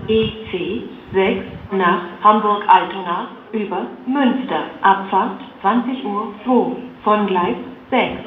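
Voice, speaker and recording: A woman making an automated railway platform announcement over station loudspeakers, in flat, formulaic short segments. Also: medium pitch. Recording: muffled echoey station PA, loud noise. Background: noisy station ambience.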